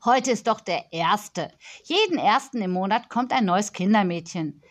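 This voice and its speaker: A woman's voice: mid-range voice, expressive, moderate pace, close to an everyday voice. A woman voicing a spoiled, bossy ten-year-old girl who talks in a prim, demanding way.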